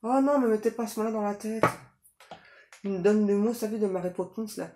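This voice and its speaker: A woman's voice: mid-range voice, a little fast, warm tone. Lady doing a psychic reading, chatty with lots of fillers, echoey room. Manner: chatty, full of fillers and tag questions. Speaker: psychic reader. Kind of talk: casual tarot reading to viewers. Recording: echoey room, faint noise.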